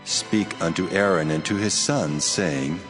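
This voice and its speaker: A man's voice: low voice, unhurried. A man playing the Lord God, giving solemn commands in a dramatized scripture reading with archaic diction. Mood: solemn, commanding. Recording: long cathedral-like reverb, faint music behind.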